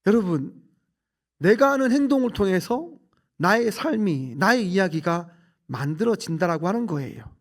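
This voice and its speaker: A man preaching from the pulpit in a church sanctuary. His voice sits high and swings widely, pressing hard on key phrases and falling quiet for emphasis. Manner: forceful preaching, rising and dropping emphatically. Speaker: pastor. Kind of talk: sermon.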